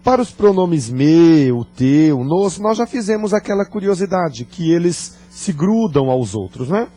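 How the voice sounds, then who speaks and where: Slow, mellow-voiced teacher. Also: male voice, a little high, sing-song, soft background music. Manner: deliberate, playful, jokes and quizzes the class. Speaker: Portuguese teacher. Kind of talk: classroom grammar lecture.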